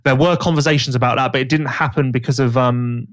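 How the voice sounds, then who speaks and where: A man's voice: medium pitch, fast. A man, hosting a podcast and chatting casually with gossipy storytelling. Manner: gossipy, animated storytelling with put-on quoted voices. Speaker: podcast host. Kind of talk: casual chat.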